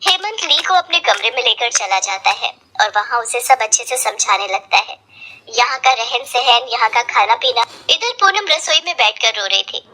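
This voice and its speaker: Bright high-voiced woman narrating a story. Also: moderate pace. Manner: steady, storytelling.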